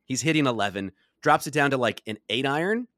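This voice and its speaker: A man's voice: medium pitch, lively intonation, fast, fairly bright tone, dry recording, clean studio sound. A young adult man co-hosting a podcast, telling a story in a casual chat with lots of laughs. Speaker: podcast co-host.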